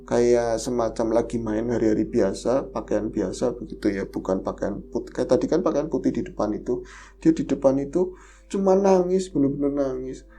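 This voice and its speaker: A man tells a personal horror experience as a podcast guest. He retells it in a lively, fearful way. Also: medium pitch, moderate pace. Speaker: guest storyteller.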